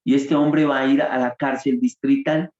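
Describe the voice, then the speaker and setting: A man's voice: medium pitch, steady tone, normal speed, darkish tone, lo-fi sound. Earnest Colombian man preaching, roomy sound. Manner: earnest storyteller, acts out quoted dialogue with God. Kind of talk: preaching testimony.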